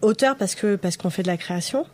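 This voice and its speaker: A woman who writes subtitles, answering interview questions hesitantly with many pauses and restarts. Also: mid-range voice.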